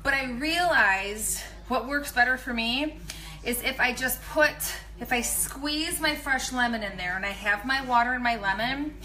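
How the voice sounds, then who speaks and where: In her home kitchen, a pregnant nutrition coach in her thirties chats casually about meal prep for a live video, rambling and making animated asides while holding her phone out at arm's length. She speaks at normal speed with a fairly high pitch, on a rough recording.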